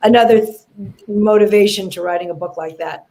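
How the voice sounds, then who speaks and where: Woman guest, mid pitch, earnest and thoughtful, talking about her book. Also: fairly quick, warm tone. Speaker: guest, children's book author. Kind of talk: casual interview chat.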